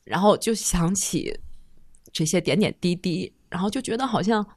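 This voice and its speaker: A woman in her thirties, a guest on a talk show, telling an emotional personal story in a halting, heartfelt way. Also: lowish voice, dry recording. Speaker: guest listener.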